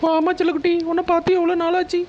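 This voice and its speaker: A woman playing a sulky, sharp-tongued young wife in a cartoon, sarcastic. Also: very high voice, little pitch movement, muffled recording, heavy background noise. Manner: sarcastic, quick retorts.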